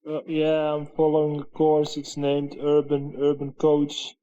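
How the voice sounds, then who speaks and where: A man's voice: a little high, monotone, unhurried, mellow, dull audio. A Dutch-speaking man talking in English with a Dutch accent on a casual video call, hesitant and full of fillers. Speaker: music coach in training. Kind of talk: casual chat.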